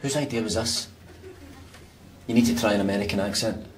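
A man's voice: fairly low pitch, fairly even intonation, brisk, crowd noise, noisy background, lightly acted. An actor playing a grumpy, foul-mouthed Scottish man in a lift, with a Scottish accent and a sarcastic, grumbling manner, in a television sketch.

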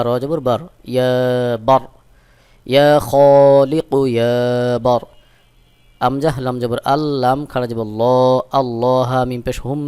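A man teaching Quran reading, spelling Arabic prayer words letter by letter and then slowly chanting each joined word. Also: medium pitch, darkish tone, clear, resonant tone. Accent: Bangladeshi Bengali.

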